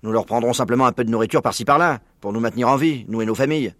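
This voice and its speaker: A man reading a storybook aloud and voicing Mr Fox, a clever, confident fox father, in a lively, emphatic, raised voice. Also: mid-range voice, rapid-fire, no room sound, clean studio sound, natural voice. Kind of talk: audiobook reading.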